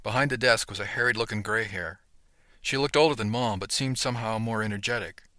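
Brief: male audiobook narrator, low voice, dry close studio sound, earnest. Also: brisk, pushed and bright, no room sound. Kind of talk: first-person audiobook narration.

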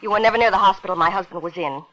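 An actress playing a suspicious wife who questions an intruder in clipped lines, in 1940s radio acting on an old broadcast. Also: female voice, mid-range voice, rapid-fire, a crowd in the background, close to an everyday voice, rough recording. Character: wary, sharp young wife holding a poker.

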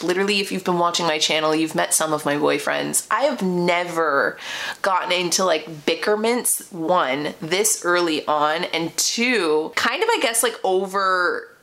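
A woman's voice: lowish voice, fairly bright tone. Chatty woman telling dating stories. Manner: chatty, filler-heavy, confiding. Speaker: podcast host. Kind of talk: casual storytime chat.

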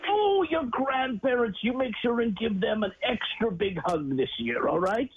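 Man acting as old Santa, jovial, avuncular, very lively intonation, in-character call-in, faint background noise. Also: very high voice, moderate pace. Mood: jolly, delighted. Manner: exclamatory, chuckling, avuncular. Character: Santa Claus, jolly kindly old man taking children's calls. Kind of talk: in-character radio call-in chat with children. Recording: dull, noisy radio call-in sound.

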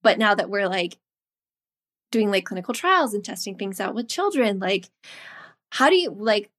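A woman's voice: mid-range voice, sing-song, moderate pace, a bit bright. A woman hosting a casual podcast, asking long, rambling questions with fillers. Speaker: podcast host.

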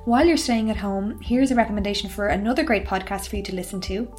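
A woman's voice: medium pitch, quick pace, a little mellow, faint music behind. A woman reading a scripted podcast promo in an earnest, pleading way.

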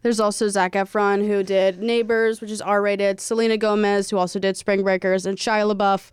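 A woman's voice: mid-range voice, level tone, moderate pace, clear, resonant tone, no echo, studio quality. A woman in her late twenties co-hosting a podcast, chatting animatedly and rambling with lots of "like" fillers. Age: late 20s. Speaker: podcast co-host. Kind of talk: casual chat.

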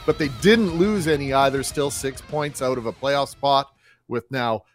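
A man's voice: mid-range voice, normal speed, soft background music. A man hosting sports radio, reading out a game recap.

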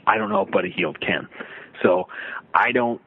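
A middle-aged man appears as a guest on sports radio, offering emphatic, conversational basketball analysis and often building points with rhetorical questions. His medium-pitched voice swoops wildly, with vocal fry and a breathy edge, at a normal speed. The audio is slightly muffled and limited-band, like radio.

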